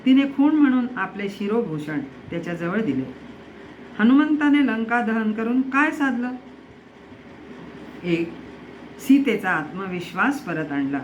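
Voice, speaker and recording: A storyteller narrating a devotional epic in an expressive, explanatory way, pausing for rhetorical questions. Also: mid-range voice. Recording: dull lo-fi recording with faint noise.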